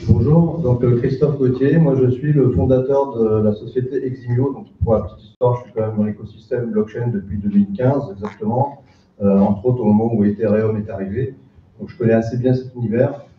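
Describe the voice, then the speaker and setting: Male founder on a panel, mid-pitched; narrow phone-like audio with clear echo. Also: steady tone, a little fast, a little hiss or hum. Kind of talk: informal self-introduction on stage. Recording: echoey, distant, tinny room sound.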